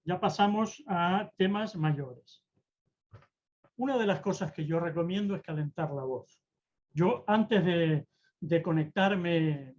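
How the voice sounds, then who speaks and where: In an online public-speaking talk, a presentation-skills mentor uses a theatrical style, deliberately changing tone and pace. The mid-range voice has a darkish tone, and the highs are cut off.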